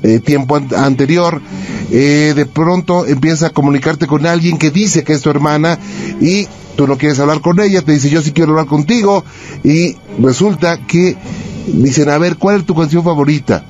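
A man's voice: on the high side, normal speed, darkish tone, soft background music. A man hosting a radio show, interjecting brief affirmations and recapping a caller's story. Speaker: radio host. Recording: dull lo-fi radio sound.

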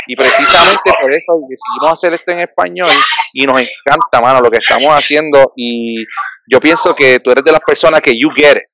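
Puerto Rican male host, slightly higher voice, passionate and colloquial. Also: fairly bright tone, slight background noise. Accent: Puerto Rican Spanish. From Puerto Rico. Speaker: podcast host. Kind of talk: podcast conversation.

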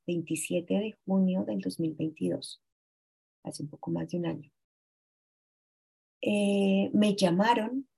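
A woman in her forties, a guest telling a painful personal story in an earnest, halting way, often restarting her sentences. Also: lowish voice, gravelly, warm tone, breathy edge. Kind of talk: emotional personal account.

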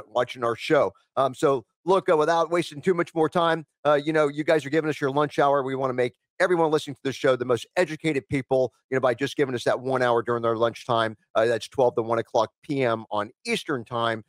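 A man's voice: medium pitch, no echo. A man hosting a live talk radio show, reading news items aloud and rambling with lots of fillers. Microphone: studio microphone.

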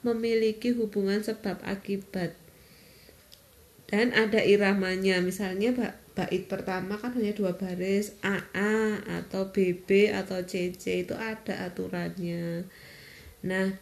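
A woman, patiently explaining step by step with pauses in an informal interview. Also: medium pitch, reverberant. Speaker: interviewed mother explaining a school lesson.

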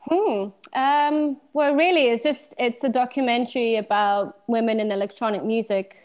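A woman from Slovenia in her thirties, a DJ guest talking in a relaxed, thoughtful way, with many pauses and easy laughs. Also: fairly high pitch. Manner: thoughtful, hesitant, laughs easily. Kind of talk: casual interview chat.

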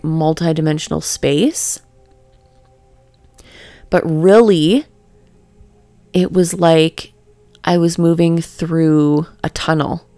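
A woman talks through a reflective spiritual meditation at a very slow, unhurried pace, her low voice calm and almost monotone. She halts often and searches for words, and a gravelly fry runs through her speech. The sound is close and dry, with no room around it. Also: no room sound. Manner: halting, searching for words, many fillers; calm, near monotone delivery. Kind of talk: reflective spoken meditation talk.

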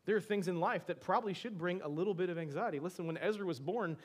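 Higher-voiced pastor preaching conversationally. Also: male voice, fast. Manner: conversational, with frequent rhetorical questions to the congregation; shifts between soft asides and emphatic bursts. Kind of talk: sermon. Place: church before a congregation.

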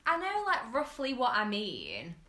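A woman's voice: on the high side, huge pitch swings, measured pace, sharp tone, reverberant. A cheerful woman playing a quiz, giggling as she gives her answers. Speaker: quiz contestant. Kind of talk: casual quiz chat.

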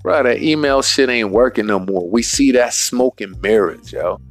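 A man hosting a solo podcast rant, profane and emphatic, in street slang, repeating his points and spelling words out slowly. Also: medium pitch, soft background music. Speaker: podcast host.

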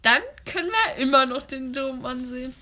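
A woman's voice: sits high, moderate pace, pushed and bright. A woman voicing a bossy female teacher on a class trip in an amateur read-aloud.

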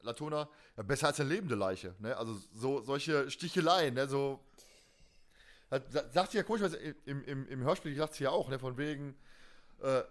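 A chatty man leading a relaxed podcast talk. He keeps tossing a questioning tag onto his sentences. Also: medium pitch, normal speed. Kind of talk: casual chat about a radio play.

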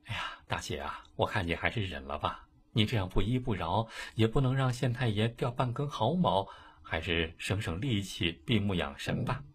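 A man voicing a meek young wife who speaks softly and wearily, pleading. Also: on the low side, lively intonation, normal speed, slightly rough. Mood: resigned. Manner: soft, weary, pleading.

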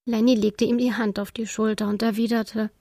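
Female storybook narrator, higher pitch, dry close sound, calm and expressive. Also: normal speed, no echo. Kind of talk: storybook reading for children.

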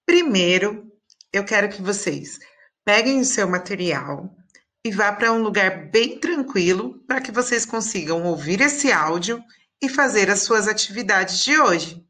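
A woman teaching small children in a recorded lesson, her voice bright and clear. She speaks slowly and patiently, in a sing-song tone, stretching out each syllable so the kids can repeat after her. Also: medium pitch.

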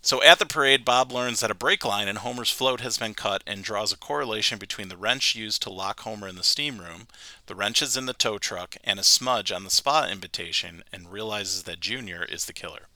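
This man hosts a casual chat and recaps cartoon plots in long stretches, laughing now and then. His voice is low and very bright. The sound is dry and close. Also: a little fast, no echo. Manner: summarizes plot at length, laughs often. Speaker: podcast host.

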